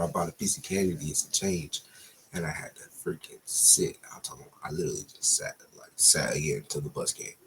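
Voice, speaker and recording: A man's voice: sits low, a bit bright, a little hiss or hum, poor audio. A young man casually telling a long storytime, slangy and profane, with a loose, rambling delivery.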